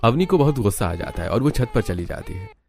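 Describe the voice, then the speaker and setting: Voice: medium pitch, a little fast, creaky. मध्यम सुर का कथावाचक, कार्टून कहानी को सहज, लिखे हुए अंदाज़ में पढ़ता हुआ।. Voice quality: even, storytelling. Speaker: narrator. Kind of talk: scripted story narration.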